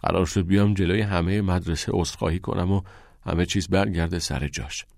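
A man's voice: sits low, steady tone, creaky, a little mellow, no echo. A man voicing a defiant teenage schoolboy who answers in strained, choked replies in an audiobook. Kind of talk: audiobook character voice.

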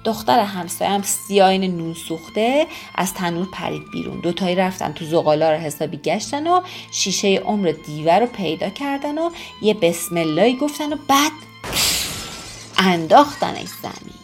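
Woman telling a fairy tale, super lively sing-song voice, soft music under it. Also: mid-range voice. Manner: animated, expressive, sing-song. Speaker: storyteller. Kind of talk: folk tale storytelling.

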